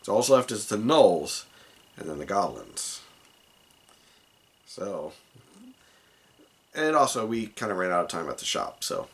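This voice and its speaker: A man's voice: lowish voice, sing-song, measured pace, long pauses. A man recounting a tabletop game session as the dungeon master, rambling with many asides. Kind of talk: casual tabletop game recap.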